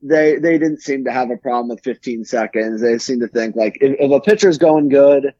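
A man's voice: mid-range voice, moderate pace, dark tone, no echo. A man co-hosting a casual sports podcast, rambling with many restarts as he gives his views. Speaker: podcast co-host. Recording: dull, lo-fi sound.

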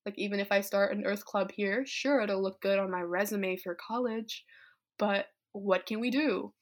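Her intonation is fairly even and her speed normal, in a mid-range voice. She is a fifteen-year-old climate activist from Vietnam who muses candidly and casually about her life, thoughtful, with plenty of "like" and "you know."

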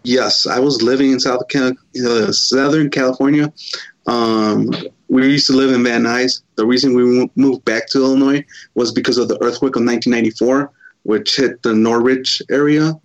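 A man in his thirties from Chicago, a podcast guest answering in a halting, hesitant way. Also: medium pitch, fairly even intonation. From Chicago, USA. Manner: halting, hesitant, many pauses. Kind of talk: casual interview answers. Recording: dull lo-fi sound.

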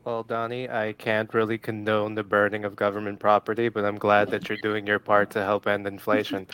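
A man's voice: lowish voice, monotone, a little fast, fairly bright tone, smooth, rough recording. A young man hosting a casual talk show in a teasing, sardonic way. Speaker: podcast host.

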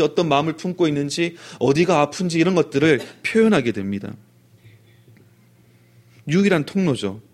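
A man delivers a sermon in a storytelling manner. His voice sits a touch high, and it swings widely in pitch from phrase to phrase. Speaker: pastor.

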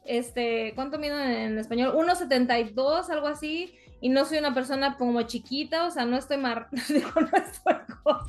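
A woman's voice: high-pitched, normal speed, hardly any pauses, faint music behind. A woman from Mexico co-hosting a casual podcast chat, telling a story animatedly and acting out what people said. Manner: animated storytelling, acts out quotes. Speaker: podcast co-host.

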